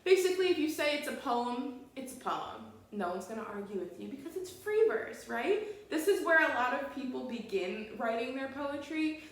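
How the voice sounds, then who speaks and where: A woman's voice: on the high side, a little mellow. A woman teaching an online poetry lesson, explaining each rule patiently and step by step. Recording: very echoey room.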